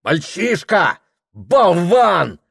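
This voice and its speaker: A man voicing an angry middle-aged merchant father who speaks harshly and wheezes his shouts. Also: sits high, very animated, very slow, vocal fry, husky, pitched above the performer's own voice, heavily acted. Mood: scornful.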